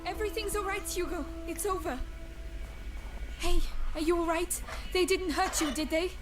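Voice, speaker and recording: A woman's voice: very high voice, normal speed, loud music behind the voice. An actress playing an anxious but determined teenage girl, a protective big sister in a video game. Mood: concerned.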